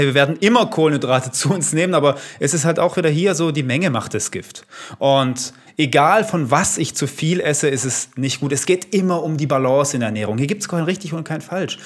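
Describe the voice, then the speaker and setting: Male health coach, podcast guest, slightly high voice, punchy and upbeat. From Italy. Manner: energetic, punchy short statements, asks rhetorical questions. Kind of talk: podcast conversation.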